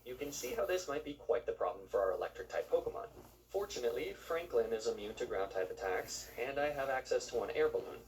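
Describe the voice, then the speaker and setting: Male gaming-video narrator, mid-pitched, wry and scripted, recorded in an echoey room. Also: animated, fast talker, darkish tone, recorded from a distance, slight background noise. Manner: wry, joking asides.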